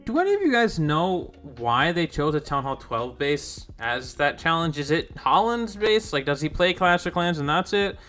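A man's voice: a little high, big pitch swings, moderate pace, hardly any pauses, a bit bright. A young man giving rambling, casual commentary over his own gameplay, easily confused and self-deprecating. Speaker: gaming YouTuber.

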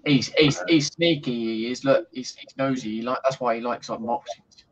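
Man ribbing the host, mid-pitched. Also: moderate pace, dull audio. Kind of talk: casual banter.

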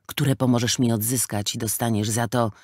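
A man's voice: mid-range voice, steady tone, normal speed, no echo, studio quality, close to an everyday voice. Man voicing a fat sly gangster. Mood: scornful. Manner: sly, scornful, hissing threats. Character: fat sly middle-aged male gangster.

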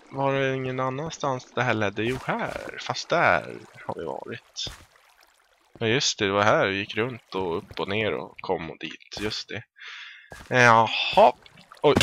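A Swedish let's play gamer with a medium-pitched, pushed and bright voice keeps things playful and casual while gaming, amid a little hiss or hum. He often breaks into made-up silly songs and exclamations.

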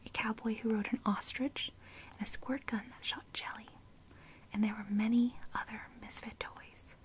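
A woman reading a children's storybook aloud in a soft, unvoiced ASMR whisper. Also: fairly high pitch. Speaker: reader.

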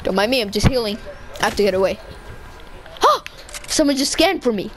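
A woman giving casual, chatty commentary over her gameplay, excitable and constantly correcting herself mid-sentence. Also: a little high, fairly quick, low-quality recording. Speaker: gaming video creator.

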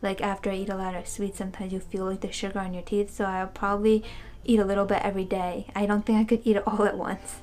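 A young woman vlogger reviews snacks while seated on a couch in a small room, chatting casually and thinking aloud with lots of fillers during a taste test recorded on a webcam. Her mid-range voice is a little mellow and fast, with little pitch movement.

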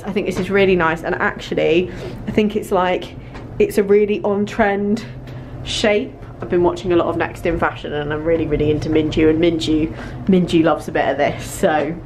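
In a small clothing store fitting room, a young British woman vlogs about fashion, talking casually to a handheld camera and repeating words for emphasis as she tries things on. Her voice is on the low side with a darkish tone, and there's slight background noise.

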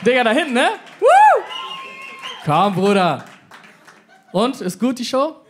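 A man's voice: extremely high pitch, sing-song, a little slow, a loud crowd, very noisy. A man in his twenties doing a stand-up set on a club stage, brash and slangy, acting out the voices he quotes. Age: 20s. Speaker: stand-up comedian. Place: comedy club stage with live audience.

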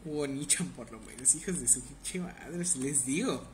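Speaking in a mid-range voice at normal speed, a young Mexican Spanish-accented streamer keeps up casual live gameplay commentary full of crude jokes and back-and-forth with his chat. Slight background noise can be heard.

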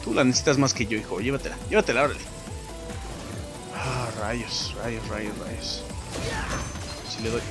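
A young man with a Mexican Spanish accent giving casual, excitable gameplay commentary, swearing and yelping at the game. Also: medium pitch, moderate pace, pauses often. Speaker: gameplay streamer. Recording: game music in the background.

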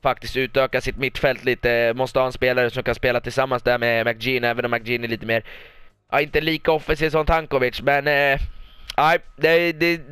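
A young Swedish man doing lively mock football commentary over a video game, often breaking into excited shouts and repeated goal calls. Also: mid-range voice, clean tone, no echo. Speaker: gaming YouTuber commentating his own match.

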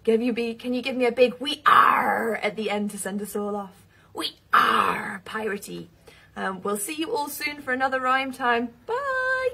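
A woman's voice: fairly high pitch, moderate pace, sharp tone. A woman leading a children's rhyme time, singing nursery songs and coaxing little ones in a cheery, sing-song way.

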